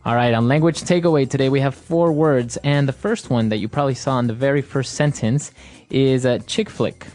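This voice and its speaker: A man's voice: medium pitch, fairly quick, a little mellow, faint music behind. Easygoing man co-hosting an English lesson. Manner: easygoing, laughs often. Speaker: podcast co-host, English teacher. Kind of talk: casual teaching chat.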